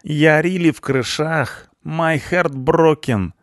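A man's voice: slow pace, no room sound, clean studio sound. A man voicing a brash, slangy young male punk in an audiobook. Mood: cocky. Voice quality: high, squeaky, slangy drawl. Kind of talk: audiobook character voice.

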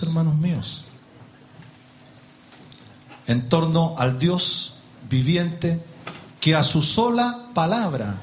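Higher-voiced male pastor preaching. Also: slight background noise. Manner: addresses the congregation directly with rhetorical questions. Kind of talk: sermon. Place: church with pews.

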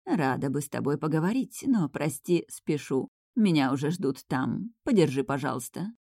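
A woman voicing a playful, self-assured female elf princess with a low, velvety voice in an audiobook. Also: lively intonation, moderate pace, dark tone, no room sound, clean studio sound. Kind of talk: audiobook reading.

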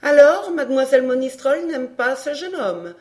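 A woman reading a proud, sharp-tongued young countess, cool and teasing, in an audiobook dialogue. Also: high voice, expressive, normal speed.

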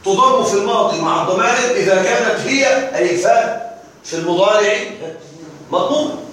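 A man teaching a grammar lesson to a class, reciting word pairs slowly and checking often that his students follow. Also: high voice, fairly bright tone, a little hiss or hum. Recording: echoey room, voice from afar.

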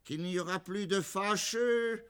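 An actor playing a doddering old beau with a thin, quavering voice, declaiming florid love poetry slowly in a stage farce. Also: male voice, high voice, fairly bright tone, clean tone. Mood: amorous, florid. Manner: slow florid poetic declaiming. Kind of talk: French stage farce acting.

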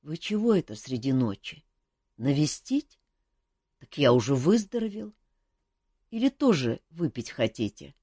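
A tired, wisecracking male court jester, put on by a woman reading an audiobook. He bounces through lively, self-mocking banter with a low base voice. The room is dry and close. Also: a little slow, pauses often, slightly rough, no room sound, exaggerated voice. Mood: wry, weary.

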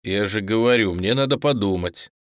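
Blunt young man, gruff and clipped, hushed delivery, performed by a man; dry, close audiobook booth. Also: fairly low pitch, moderate pace, dry recording, natural voice. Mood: tense.

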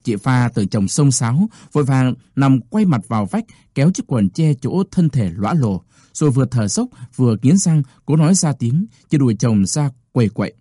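A man narrates a story from a script with an expressive, storytelling delivery. His pitch rises and falls a lot, his tone is dark and mellow, and the recording is dry and close with no room sound. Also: normal speed, breathy edge, dry recording.

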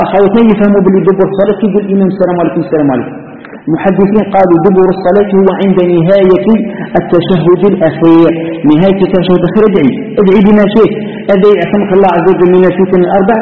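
A man with an Algerian accent teaching a religious lesson as a sheikh, moving between formal recitation and everyday dialect while explaining and demonstrating gestures. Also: sits high. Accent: Algerian Arabic. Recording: distant tinny recording in a reverberant hall.

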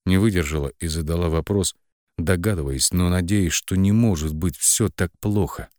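A man's voice: sits low, moderate pace, a little mellow, dry recording, studio quality. A man reading a first-person audiobook with tense, emotive narration.

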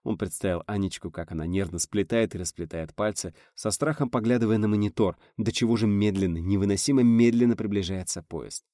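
A man narrating a science fiction audiobook in a lively, dramatic reading. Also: on the low side, fairly quick, hardly any pauses, no room sound, studio quality.

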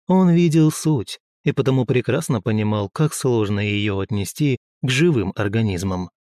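A man's voice: mid-range voice, expressive, normal speed, dark tone, no echo, clean studio sound. A man narrating an audiobook with wry, ironic asides. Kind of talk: scripted narration.

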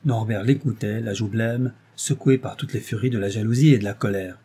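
A man narrating a classic novel as an audiobook, in a measured, expressive reading. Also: fairly low pitch, breathy edge.

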